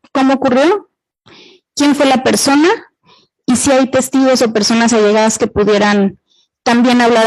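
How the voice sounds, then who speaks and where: High-voiced Mexican woman lecturing. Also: a little mellow, poor audio. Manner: explanatory, asks the audience questions and repeats their answers. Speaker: university gender violence workshop speaker. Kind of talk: interactive talk to students.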